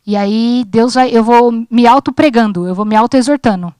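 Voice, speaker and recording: Woman, thirties, informal church sermon, slightly high pitch, chatty joking delivery, dry sound. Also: moderate pace, darkish tone, no echo. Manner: chatty and joking, acts out her talks with God. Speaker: preacher at a church youth service. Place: church service.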